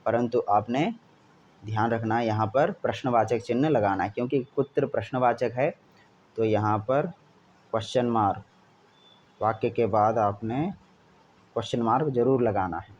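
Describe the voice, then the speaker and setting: A man teaching Sanskrit grammar to schoolchildren, reading each example sentence slowly and then giving its meaning. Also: mid-range voice, darkish tone. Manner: repeats each example with a Hindi gloss. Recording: dull lo-fi recording with faint hiss.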